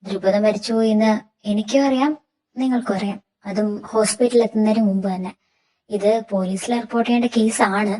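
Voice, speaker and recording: A woman voicing a doctor who calmly explains a patient's death in a fan audio drama. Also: mid-range voice, recorded from a distance, lightly acted, poor audio. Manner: measured, explanatory.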